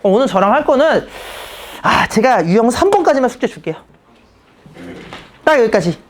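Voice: mid-range voice, sing-song, normal speed. Blunt, teasing math teacher in class. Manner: blunt, teasing banter with students. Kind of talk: casual classroom lecture.

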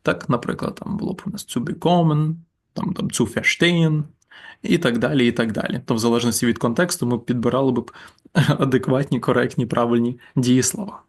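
Male language teacher, patient explainer, mid-pitched, walks through slides and drills example words slowly. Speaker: German teacher. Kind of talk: slide-based grammar lesson.

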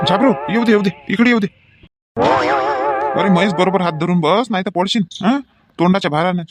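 A man, acting in a rustic comedy sketch and shouting quick repeated orders. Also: sits high, no room sound. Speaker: comic actor in a village sketch. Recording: dull lo-fi recording.

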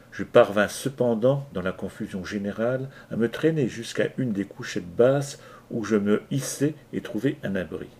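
A man narrating an adventure novel aloud in a measured, dramatic reading. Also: lowish voice, darkish tone, husky. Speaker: audiobook reader. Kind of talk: scripted narration.

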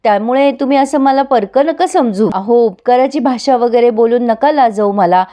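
A woman's voice: fairly high pitch, normal speed, dark tone, close to an everyday voice. A woman voicing a scheming middle-aged man who acts humble. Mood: falsely humble. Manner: falsely humble.

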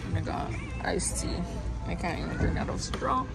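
A woman's voice: on the low side, expressive, moderate pace, vocal fry. A young adult woman chatting casually as a vlogger, with slangy, sweary banter. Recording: loud music and crowd noise behind. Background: loud music and busy crowd chatter.

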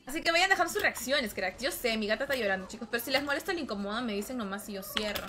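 A woman's voice: fairly high pitch, expressive, rapid-fire, bright, forceful tone, soft background music. A woman streaming a game live from home, chatting and teasing her viewers, often calling them brother. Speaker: gaming livestreamer. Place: home room with her cat nearby.

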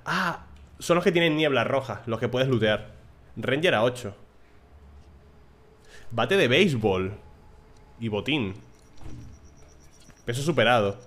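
A man's voice: mid-range voice, takes it slowly, pauses often. Young man streaming gameplay. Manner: casual, swears, shouts excitedly at the game. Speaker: gaming streamer. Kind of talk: live gameplay commentary.

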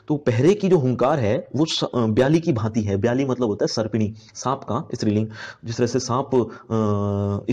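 A man's voice: medium pitch, dark tone, lo-fi sound. A man teaching a class poem, reading each verse aloud and then explaining it in simple words, with many fillers. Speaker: Hindi teacher.

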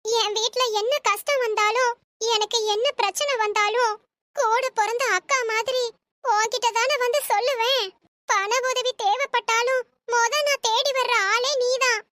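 A woman's voice: very high-pitched, fairly even intonation, measured pace, bright, forceful tone, a little hiss or hum, exaggerated voice. A woman voicing a hurt, earnest middle-aged neighbor in a cartoon, pleading.

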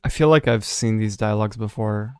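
A man's voice: fairly low pitch, brisk, clean tone, no room sound, soft background music. A young man hosting a let's play, chatting casually and jokily over the game and reading its lines aloud. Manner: animated, jokey, reads game lines aloud. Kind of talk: casual gameplay commentary.

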